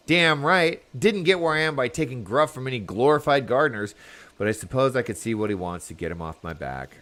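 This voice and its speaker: A man's voice: medium pitch, lively intonation, a little fast, fairly bright tone, lightly acted. A man voicing a cocky, lazy, scornful pirate deckhand, reading video game dialogue aloud in a taunting piratical manner. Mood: defiant.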